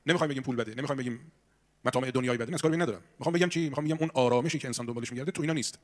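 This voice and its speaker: A man leading prayers and preaching a sermon in a shrine hall, who asks rhetorical questions and builds his emphasis as he goes. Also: mid-range voice. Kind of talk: sermon before congregational prayer.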